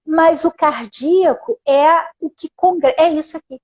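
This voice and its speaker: A high-pitched woman, a guest therapist, speaks softly and unhurriedly, tagging her phrases with "né?" as she shares spiritual reflections in a casual conversation. The audio is dull and lo-fi, like a video call.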